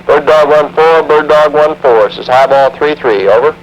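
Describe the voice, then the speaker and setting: A man's voice: a little high, normal speed. A man speaking as an attack pilot in clipped radio procedure, heard through a helmet radio transmission. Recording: muffled radio over noise.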